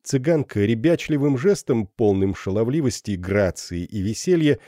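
A man reading a classic novel aloud as an audiobook narrator, measured and expressive. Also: mid-range voice, no echo, studio quality.

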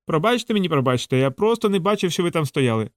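A man's voice: on the high side, big pitch swings, fast talker, dry recording, studio quality, pitched above the performer's own voice. A man voicing a ragged young man who gushes exaggerated apologies. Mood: apologetic. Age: young adult. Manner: over-apologetic, gushing. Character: young ragged man, fawning and falsely clumsy.

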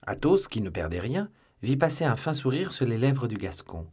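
A man's voice: mid-range voice, very animated, moderate pace, darkish tone, breathy edge. A man narrating a classic novel as an audiobook, reading steadily. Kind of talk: scripted narration.

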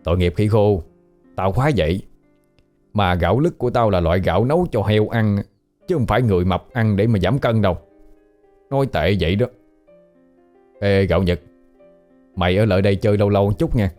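A man's voice: on the low side, brisk, pauses often, a little mellow, faint music behind, lightly acted. A man voicing a coarse, teasing male ghost who has haunted a house for a century, talking in blunt slang.

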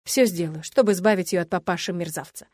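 A woman reading a first-person story in an even, expressive voice. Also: on the low side, quick pace, no echo, clean studio sound. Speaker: audiobook reader. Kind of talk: first-person audiobook narration.

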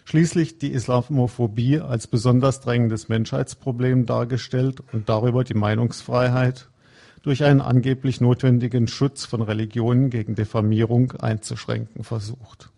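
A man giving a conference lecture, reading a prepared script in a measured, formal way. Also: medium pitch, fairly even intonation, gravelly, mellow. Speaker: conference speaker.

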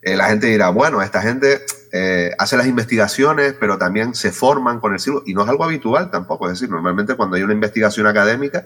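Male host, low husky voice, hesitant questioning. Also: fast talker, fairly bright tone. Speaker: radio show host. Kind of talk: interview questions.

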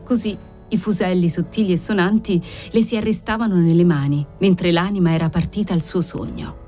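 A woman narrating a classic novel as an audiobook in a measured, expressive way. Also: lowish voice, faint music behind.

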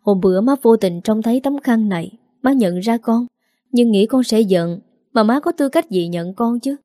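A frail old mother speaks her last words , voiced by a woman narrator. Her voice is mellow and slow, broken by tears, as in a spoken storybook. It sounds close and dry. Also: a little high, lively intonation, no room sound, natural voice. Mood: grieving. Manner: slow, faltering, tearful.

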